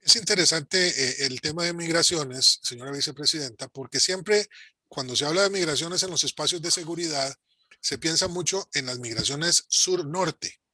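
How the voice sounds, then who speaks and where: A man moderating a formal discussion in a courteous, articulate way with measured phrasing. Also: on the high side, pushed and bright, no echo. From Costa Rica. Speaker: panel moderator.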